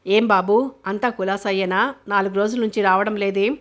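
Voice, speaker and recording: A woman's voice: medium pitch, little pitch movement, a little fast, close to an everyday voice. A woman reading the lines of a kind middle-aged mother figure, with fond, homely speech. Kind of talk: audiobook character reading.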